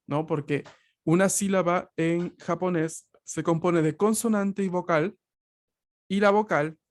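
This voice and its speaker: A man's voice: high voice, steady tone, unhurried. A male teacher with a slightly raised voice walks students through an online lesson, patient and methodical. He explains step by step over a video call and keeps checking that everyone follows. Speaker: language teacher. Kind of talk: online class lecture.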